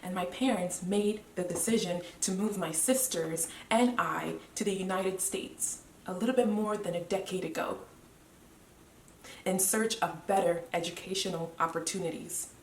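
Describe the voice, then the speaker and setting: A woman in her twenties from Cameroon, a medical student giving a measured, earnest motivational speech with deliberate pauses. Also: lowish voice, recorded from a distance, slight background noise. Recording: roomy echo, voice away from the mic.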